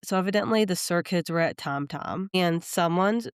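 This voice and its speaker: A woman's voice: on the low side, moderate pace, clean tone, no echo, clean studio sound. Chatty woman recapping reality TV. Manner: chatty, animated retelling with quoted lines. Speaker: podcast co-host. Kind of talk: casual chat recapping reality TV.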